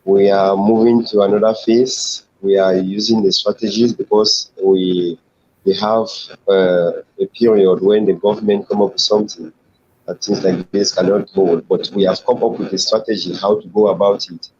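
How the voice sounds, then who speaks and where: A man from Cameroon speaking as a guest on a video call, plain and steady. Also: on the low side, normal speed, slightly rough. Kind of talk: casual call update. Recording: dull lo-fi line with faint noise.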